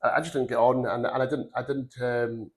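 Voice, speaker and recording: A man in his forties, from Glasgow, telling his career story as a podcast guest. He rambles in an earnest way, with a voice of middling pitch for a man. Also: steady tone, fairly quick. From Glasgow, Scotland. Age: 40s. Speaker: podcast guest, recruitment firm founder. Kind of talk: casual career interview.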